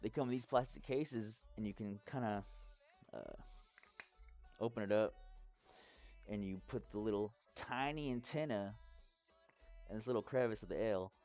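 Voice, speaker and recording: A man from Texas giving a casual, rambling explainer vlog as a hobbyist, sounding drunk, halting and swearing freely. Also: lowish voice, darkish tone, faint music behind. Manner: tipsy, rambling drunk talk with halting phrases and heavy swearing. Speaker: hobbyist presenter.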